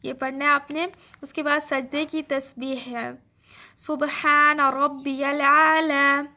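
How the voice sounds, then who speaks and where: A woman teacher giving a slow, patient lesson to young children, repeating phrases and leading them in reciting after her. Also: high-pitched, fairly even intonation, bright, forceful tone. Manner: leads call-and-repeat recitation. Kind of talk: online class lesson.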